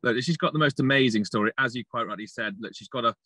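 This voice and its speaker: A man who trains racehorses, answering as a guest in a halting way and often starting with "look". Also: mid-range voice, sharp tone, no echo. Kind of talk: casual interview answers.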